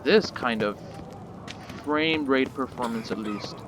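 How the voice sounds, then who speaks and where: A man's voice: medium pitch, takes it slowly, background noise. A man hosting a gaming channel, talking casually over gameplay footage with lots of fillers and a mildly sarcastic edge.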